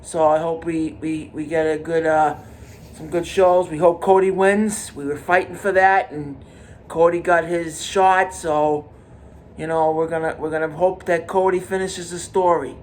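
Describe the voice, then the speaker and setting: Halting slow-talking man in his forties. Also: on the high side, steady tone, a little hiss or hum. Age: 40s. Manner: halting, repetitive, many restarts and fillers. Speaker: podcast host. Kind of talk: casual monologue.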